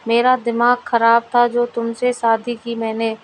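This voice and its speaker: A frustrated young husband, read by a woman for a storybook. He scolds in a high, flat voice. The pace is slow. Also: soft background music, close to an everyday voice. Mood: exasperated. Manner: exasperated, scolding. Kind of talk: storybook dialogue reading.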